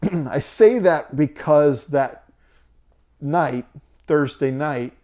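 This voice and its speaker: A man's voice: a little high, drawn-out words, mellow. A man in his forties talking casually to camera about his records, hesitant with many ums and restarts, losing his voice. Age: 40s. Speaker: vinyl collector vlogger.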